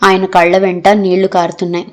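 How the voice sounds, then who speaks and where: A woman narrating an audio novel in a steady, measured storytelling manner. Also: on the low side.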